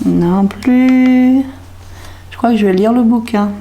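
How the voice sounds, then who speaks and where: A woman's voice: a little high, fairly even intonation, quick pace, dark tone, a little hiss or hum. A French woman, a craft vlogger, thinking aloud as she tries out a label maker, hesitant and puzzled, muttering to herself. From France. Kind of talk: thinking aloud while trying a device.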